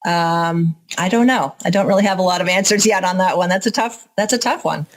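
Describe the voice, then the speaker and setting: A woman's voice: lowish voice, a little fast. Candid American woman answering interview questions. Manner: candid, informal, explanatory. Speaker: interview guest, organic farmer and educator.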